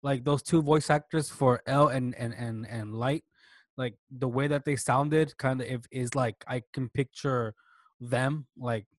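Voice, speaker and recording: A man's voice: mid-range voice, steady tone, measured pace. A man chatting loosely as a podcast co-host. He circles his point, trips over words and backs up to start over. The room has almost no echo. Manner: hesitant, lots of restarts and fillers. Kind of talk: casual chat.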